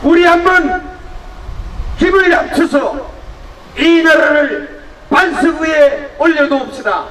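A man with a very high voice delivers a slow, deliberate political speech to a crowd outdoors, throwing rhetorical questions at them and building to shouts. He is heard from a distance through loudspeakers, with the sound echoing around him. Steady outdoor noise sits clearly underneath. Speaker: rally speaker. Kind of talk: fiery political rally speech. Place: outdoor rally.

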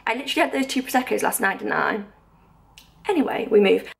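Vlogging from the bedroom and kitchen of a small indoor flat, a woman in her 20s talks informally to camera with gushing excitement. She speaks quickly and animatedly in a somewhat high, creaky voice.

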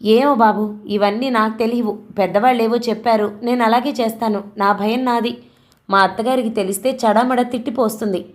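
A timid, fretful elder sister who talks in a hurry, voiced by a woman a little higher than her reading voice. Storybook reading. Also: fairly even intonation, lightly acted. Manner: fretful, hurried.

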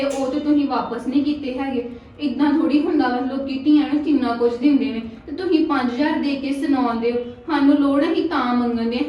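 A woman playing a sharp-tongued sister-in-law, echoey room. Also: high-pitched, lo-fi sound, natural voice. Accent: Punjabi. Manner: quarrelsome, complaining, quick to take offence. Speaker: actor in a family drama. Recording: very echoey room, mic at a distance.

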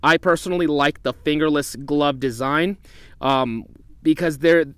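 A man's voice: a little high, measured pace, a bit bright, clean tone, no echo. A young man hosting an outdoor vlog in the desert, talking casually about gear and often saying "once again" and "you know". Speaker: outdoor channel host.

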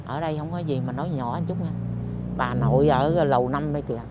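An older woman from Vietnam with a Southern Vietnamese accent, chatting in an interview in an animated, exclamatory, complaining way. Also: low-pitched, quick pace, very noisy. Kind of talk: casual chat. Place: apartment housing complex.

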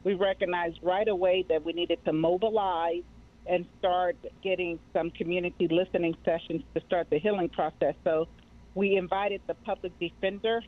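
Speaking at a normal pace with fairly even intonation and a lowish voice, a middle-aged woman with an American accent talks conversationally as an interview guest. She directs a mental health nonprofit and is heard over a remote call with narrow, tinny, radio-like audio.

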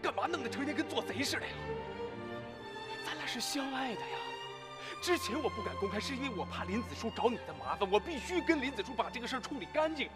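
An urgent young lover. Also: male voice, very high voice, sing-song, fast, over loud music. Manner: urgent, insistent. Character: young man set on going public with his love. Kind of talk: TV drama acting.

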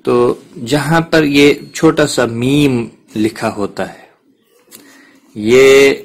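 Male Quran tutor, patient explanatory delivery, mid pitch. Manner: patient, explains step by step with examples. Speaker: Quran tajweed teacher. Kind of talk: explanatory lesson.

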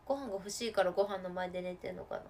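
A woman chatting casually on a live stream while she plays a game. She laughs often and breaks into sudden loud outbursts. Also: on the low side, steady tone, rapid-fire, slight background noise.

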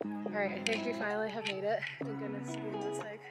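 A woman's voice: medium pitch, flat delivery, fast, gravelly. A young woman chatting in a casual, upbeat travel vlog, gushing about what she shows. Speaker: travel vlogger. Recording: vlog with music playing underneath.

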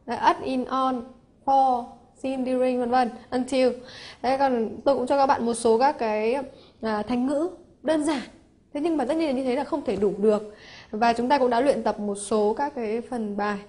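A woman's voice: fairly high pitch, fairly even intonation, normal speed, a little mellow. A woman with a Hanoi accent teaching English prepositions for an exam, explaining step by step and often asking if her students follow. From Vietnam. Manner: explains step by step, asks rhetorical checks. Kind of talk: exam-prep grammar lesson.

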